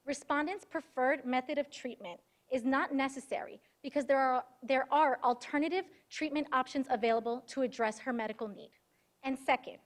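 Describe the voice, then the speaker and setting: A young woman law student delivering a formal, rehearsed oral argument as counsel in a moot court. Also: high-pitched. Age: young adult.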